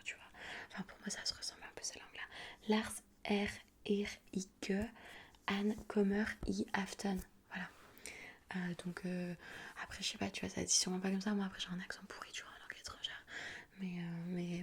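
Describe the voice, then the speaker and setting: Whispering young woman, flat and gravelly. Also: medium pitch. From France. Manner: chatty, rambling with many fillers. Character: friendly student flatmate giving a tour. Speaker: ASMR artist. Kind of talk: whispered role-play.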